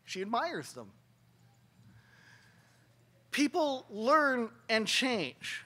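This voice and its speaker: A man giving a keynote talk at a conference gathering, telling a story earnestly and pausing for emphasis. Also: very high voice, very animated, pushed and bright, husky. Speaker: keynote speaker.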